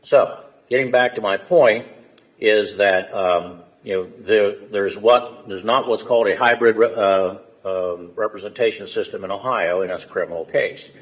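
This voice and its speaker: An American man speaking as a judge, stern and lecturing, with halting pauses, questioning and admonishing in a courtroom. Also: lowish voice. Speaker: judge presiding over a hearing. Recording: muffled courtroom audio.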